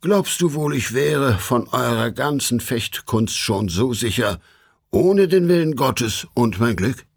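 Man voicing a calm old poet guide. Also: medium pitch, slow pace, creaky, slightly rough, heavily acted. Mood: reasoning. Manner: steady, reassuring.

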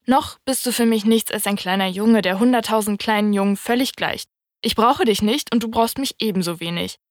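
A woman voicing a wise, wistful fox in an audiobook reading, speaking in a calm, thoughtful, explaining way. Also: medium pitch, brisk, no echo, clean studio sound, lightly acted.

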